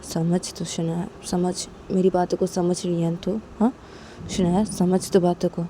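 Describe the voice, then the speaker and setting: A woman voicing a gentle elder sister who soothes her crying younger sister, coaxing and repeating herself. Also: lowish voice, little pitch movement, a little slow, slight background noise, lightly acted. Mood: soothing.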